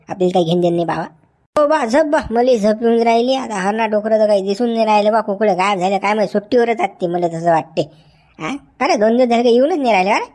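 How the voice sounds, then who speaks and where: A man's voice: extremely high pitch, a little mellow. A man with a Varhadi Marathi accent playing a quarrelsome village farmhand in a comedy sketch, talking in rustic banter. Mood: gossipy. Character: bickering sleepy village farmhand, male. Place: outdoors in a village field.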